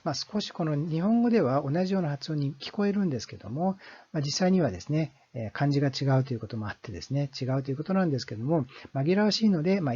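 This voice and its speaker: A man hosting a history channel, explaining in a halting lecture style full of drawn-out fillers. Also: on the high side, warm tone, slightly rough. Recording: dull lo-fi sound.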